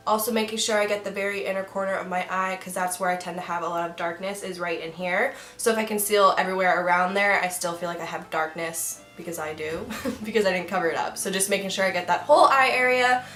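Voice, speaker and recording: A woman's voice: fairly low pitch, steady tone, fast talker, a bit bright, echoey room, faint music behind. A young woman talking through a makeup tutorial in a chatty, giggly way with self-mocking asides. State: hiccups. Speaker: beauty vlogger.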